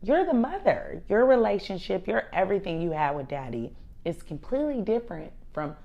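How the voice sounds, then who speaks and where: A woman's voice: medium pitch, sing-song, a little fast, gravelly, mellow, lo-fi sound. A woman co-hosting a podcast, telling candid, emphatic stories with frequent swearing in casual chat. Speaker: podcast co-host.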